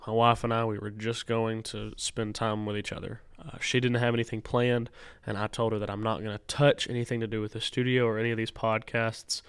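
A man's voice: lowish voice, flat delivery, brisk, few pauses, clear, resonant tone, dry recording. A man co-hosting a podcast in casual, slangy chat, stuffed up with a cold and unable to breathe through his nose. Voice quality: congested, blocked-nose sound. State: congested from a lingering cold. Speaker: podcast co-host.

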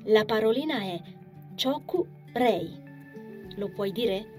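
A woman voicing a gentle young woman who talks softly and playfully to a small child in an audiobook. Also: medium pitch, moderate pace, faint music behind, natural voice. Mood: coaxing. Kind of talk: audiobook character voice.

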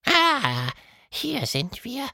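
A storyteller putting on the voice of a playful, mischievous male monster in a children's audiobook, speaking in a squeaky, teasing manner. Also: wildly swooping pitch, very slow, gravelly, sharp tone, no echo, clean studio sound, exaggerated voice. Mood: cheerful. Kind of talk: storybook reading.

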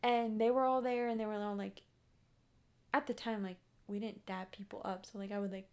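A young woman vlogger telling a story in casual chat, animated, with lots of fillers and swearing. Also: medium pitch, fairly quick.

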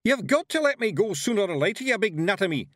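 A man voicing a tiny, belligerent male fairy warrior with a Scottish accent, shouting. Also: sits high, big pitch swings, quick pace, no echo, studio quality, pitched above the performer's own voice. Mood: yelling. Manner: shouting, brawling.

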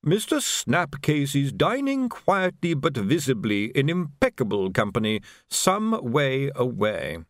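A man voicing a calm, assured male doctor who is part of a conspiracy. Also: mid-range voice, measured pace, few pauses, dry recording, clean studio sound, voice pushed up.

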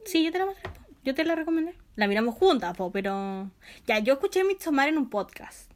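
A woman's voice: high voice, very animated, a little fast. A young woman with a Chilean accent, co-hosting a podcast in casual chat, chatty and laughing often. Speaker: podcast co-host.

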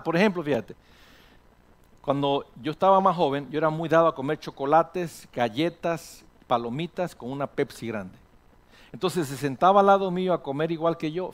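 A male pastor preaching a sermon to his congregation in an animated way, dropping in English words now and then. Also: a little high. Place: church sanctuary with congregation.

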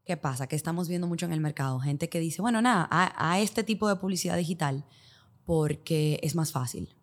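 A woman's voice: low voice, animated, fairly quick. A woman with a Dominican accent explaining things as an expert podcast guest, in Spanglish that drops English business terms into her Spanish. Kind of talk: explanatory interview talk with hypothetical examples.

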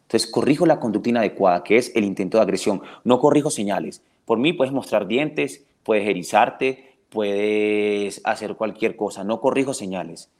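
A low-pitched man from Colombia, a dog trainer talking through his methods in a podcast interview. He speaks in long animated runs, trips over restarts, and acts out the voices of owners and dogs. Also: moderate pace, few pauses. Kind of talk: podcast interview, explaining at length.

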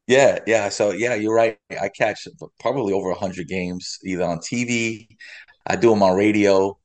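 A man's voice: on the low side, moderate pace. A man in his forties, a podcast guest telling rambling stories in casual chat, full of fillers. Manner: rambling storytelling with many fillers.

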